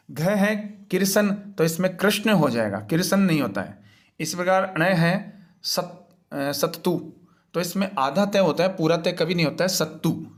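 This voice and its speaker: A man teaching as he walks through a worksheet's answers, explaining each one patiently and step by step in a repetitive way. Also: fairly high pitch.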